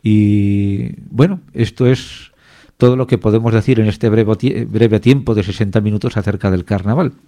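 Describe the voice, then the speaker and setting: A man hosting a radio show, explaining things in a measured way with frequent hesitant pauses. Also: fairly low pitch, fairly even intonation, dark tone. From Spain. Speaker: radio host.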